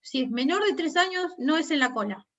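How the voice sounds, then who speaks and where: A woman's voice: high voice, animated, a little fast, fairly bright tone. Rioplatense woman teaching, dull call audio. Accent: Rioplatense Spanish. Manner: explanatory, checks understanding with frequent tag questions. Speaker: nursing instructor. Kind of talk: online class lecture.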